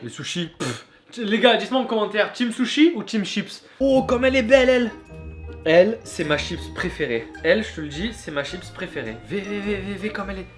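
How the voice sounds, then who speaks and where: A man chatting casually to camera in a cooking vlog, excitable and playful, often repeating words in a slangy, mock-boastful way. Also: high voice, fairly quick, soft background music. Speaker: vlog host and amateur cook.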